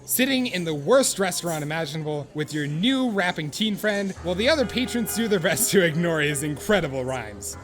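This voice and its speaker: Speaking a little fast with hardly any pauses, a man lightly acts the role of an excitable, earnest narrator describing an awkward would-be friend in a comic audio drama. There's fond exasperation in his fairly high, widely swinging voice as he delivers mock-solemn, dramatic second-person narration laced with comic profanity over soft music.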